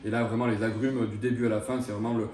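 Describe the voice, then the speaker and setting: A fast-talking Frenchman in his thirties, a chef by trade, has a low, darkish voice and a flat delivery. Answering interview questions, he hesitates constantly and keeps restarting with fillers, captured by a distant mic in an echoey room.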